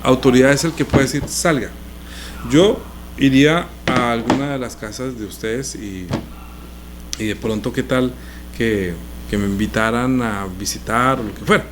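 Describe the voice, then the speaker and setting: A man's voice: medium pitch, moderate pace, a little hiss or hum. A male pastor teaching a sermon in a conversational way, explaining scripture with everyday examples.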